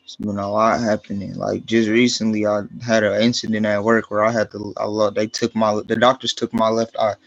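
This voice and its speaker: A man speaking as a defendant, soft-spoken and hesitant, heard on a courtroom recording. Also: fairly low pitch, level tone, brisk, creaky, hardly any pauses, no echo, muffled recording.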